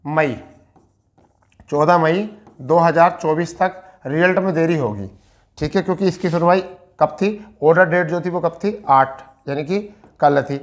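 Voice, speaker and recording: A man with an Indian accent and a voice on the high side presents an educational video. He explains an on-screen document informally, answering his own questions, saying things more than once, and dropping in English terms.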